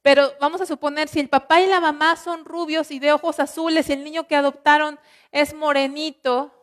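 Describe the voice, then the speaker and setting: A high-pitched woman with a Mexican Spanish accent delivers a sermon. She teaches earnestly, poses rhetorical questions to her listeners and draws out the scripture verses slowly. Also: little pitch movement. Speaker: preacher.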